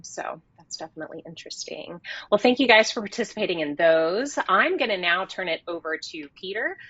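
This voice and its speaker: A woman's voice: low voice, sharp tone. A woman moderating a business webinar, introducing speakers and running polls in an upbeat, scripted way. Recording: slightly dull, dry audio.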